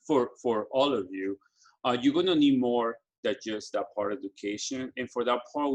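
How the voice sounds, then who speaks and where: A halting, earnest man born in Ecuador, working for a business school, walks students through study abroad slides with frequent restarts and fillers. His voice is medium-pitched and the audio is poor.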